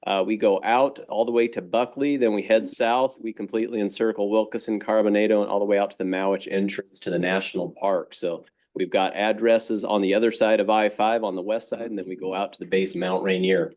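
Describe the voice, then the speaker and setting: A middle-aged man, a fire chief, giving a brisk, plain-spoken presentation full of figures to a city council. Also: lowish voice, fairly even intonation, a little mellow. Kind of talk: public presentation. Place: council chamber.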